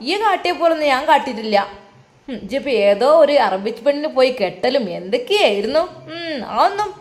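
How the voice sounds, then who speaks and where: A high, pleading older mother with a Malappuram Malayalam accent, as a woman storyteller puts her on. She pushes her lines up and insistent in an audio storybook. The room around her rings with echo. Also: sing-song, fairly quick. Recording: roomy echo.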